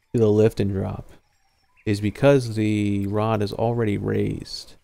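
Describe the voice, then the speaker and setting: A young man streams a fishing game over livestream headset audio, his low, mellow voice close to the mic. His speech is gravelly and flat in tone. He explains mechanics in a relaxed, rambling way, full of ums and half-finished thoughts. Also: no echo. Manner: laid-back, explains as he plays, trails off with fillers. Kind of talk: casual live gameplay commentary.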